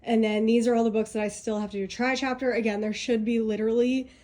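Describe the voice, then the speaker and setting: Sorting bookshelves indoors at home, a congested, under-the-weather booktuber in her thirties rambles casually to the camera and laughs a lot. Her voice is on the high side and mellow, level in tone, and fast.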